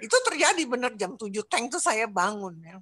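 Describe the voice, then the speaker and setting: High bright older woman. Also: brisk. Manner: emotional storyteller, voice rising high when excited. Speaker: church member giving testimony. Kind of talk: personal testimony.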